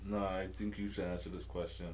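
A man's voice: low-pitched, level tone, brisk, darkish tone. A man in casual banter, pushing back in slangy, profane talk. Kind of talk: casual chat.

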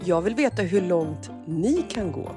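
A woman co-hosting a podcast in casual chat, playful and quick to join the jokes. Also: fairly low pitch, lively intonation, warm tone, faint music behind. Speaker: podcast co-host.

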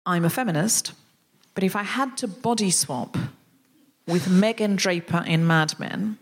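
A woman hosting a comedy podcast, chatting casually and telling stories with animated emphasis. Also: mid-range voice, a little slow.

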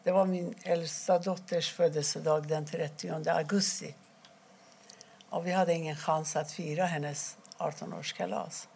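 Gravelly husky-voiced woman telling her story. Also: deep voice, fairly even intonation, darkish tone. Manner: halting, with restarts and quoted dialogue. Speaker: interviewee. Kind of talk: personal account in an interview.

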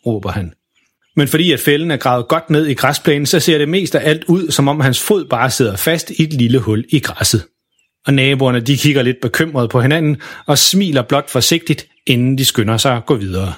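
A man narrating a children's story in a lively, expressive way. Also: mid-range voice.

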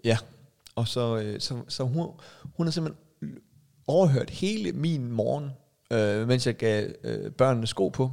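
A man's voice: medium pitch, creaky, a little mellow. A man in his thirties co-hosting a casual podcast, rambling with lots of restarts and fillers. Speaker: podcast co-host. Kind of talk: casual chat.

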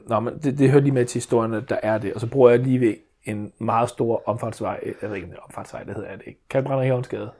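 Man in his thirties, rambling casual storyteller full of restarts and fillers, mid pitch. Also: warm tone. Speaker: father telling a story.

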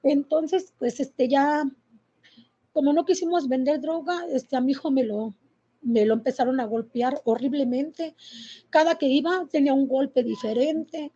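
Middle-aged Mexican woman, interviewee, high mellow voice, halting emotional telling, muffled lo-fi sound. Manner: halting and emotional, with many fillers and restarts. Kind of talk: personal testimony. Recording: muffled lo-fi recording.

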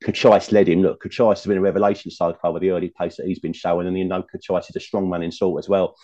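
A man's voice: sits low, little pitch movement, quick pace, mellow, highs cut off. A man talking through his betting picks as a racing pundit in a chatty, rambling way, full of asides. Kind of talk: casual betting chat.

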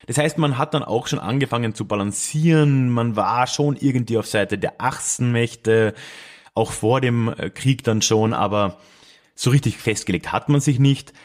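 A man's voice: mid-range voice, normal speed, a little mellow. A man giving a casual spoken history talk, thinking aloud with restarts and small asides. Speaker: podcast host explaining history.

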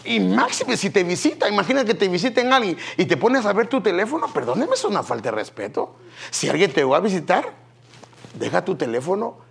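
Gravelly, animated male preacher. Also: high voice, a little fast. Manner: animated, humorous asides to the congregation. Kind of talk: sermon.

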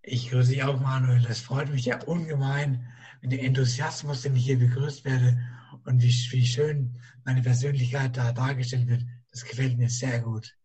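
A man guest in a casual interview, speaking with a rough, strained voice and a halting way of repeating himself. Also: mid-range voice, little pitch movement, dark tone.

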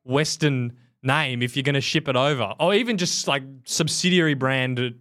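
A man's voice: medium pitch, moderate pace, fairly bright tone. A man co-hosting a cycling podcast, talking in blunt, casual chat and laughing often. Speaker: podcast co-host.

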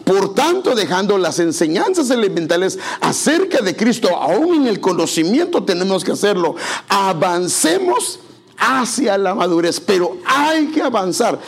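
Lively, raspy-voiced male pastor preaching. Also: high voice, measured pace. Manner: conversational, addresses congregation directly. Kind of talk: sermon. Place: church.

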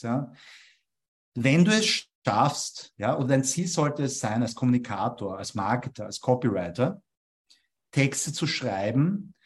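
A young man from Vienna, explaining copywriting ideas as an interview guest and checking in with a questioning "ja?" after his points. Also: mid-range voice. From Austria. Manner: tags statements with a questioning "ja?".

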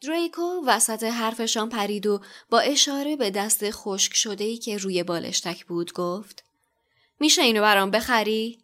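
A woman podcast co-host reading a novel passage aloud in a measured, expressive storytelling manner. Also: medium pitch, faint music behind.

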